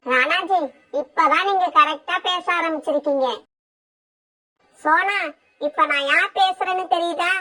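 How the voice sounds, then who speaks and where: A scheming, vain female sparrow from a cartoon, voiced by a woman, cold and bossy in every word. Her voice sits very high and sounds bright and sharp. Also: a little slow, long pauses, full character voice. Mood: haughty. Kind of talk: cartoon voice acting.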